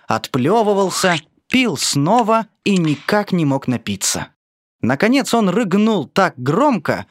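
A children's storyteller who reads with a wide, animated swing of pitch and a sing-song lilt. The narration sits in a middle register and sounds dry and close to the mic, with no room around it. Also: no room sound.

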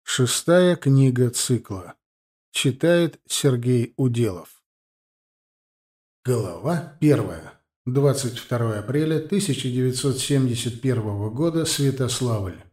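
A man with a mellow, warm voice reads a novel aloud in a steady, measured way. His delivery is even-handed scripted audiobook narration. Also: medium pitch, breathy edge. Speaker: audiobook reader.

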